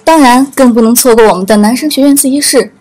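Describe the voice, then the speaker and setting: A woman's voice: on the high side, fast talker, darkish tone, poor audio. A woman reading scripted trailer narration for a youth variety show. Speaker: promo narrator. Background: background music.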